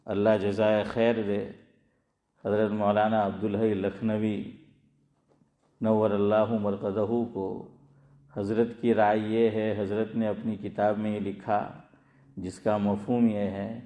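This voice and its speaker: A man's voice: lowish voice, level tone, mellow, echoey room. A man, giving a conversational religious talk, asking his listeners questions and repeating key points. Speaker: Islamic scholar giving a talk. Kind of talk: conversational sermon.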